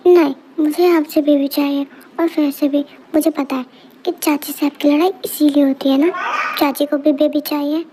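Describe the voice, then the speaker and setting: A woman's voice: sits high, steady tone, normal speed, background noise, lightly acted. A woman voicing a playful, mischievous little boy in an amateur fan dub, pleading and chattering.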